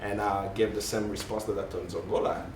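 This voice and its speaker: A man's voice: lowish voice, flat delivery, a little fast. A man speaking as a panelist who searches for words, corrects himself and says um and uh often. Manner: searching, self-correcting, frequent um and uh. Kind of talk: panel discussion. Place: conference hall panel. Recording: roomy hall, distant mic, faint noise.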